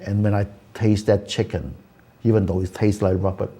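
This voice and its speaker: Older guy from hong kong hosting a talk show, low husky voice, earnest, lots of "you know". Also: level tone, normal speed, dark tone. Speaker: host. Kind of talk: casual chat. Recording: community access TV studio.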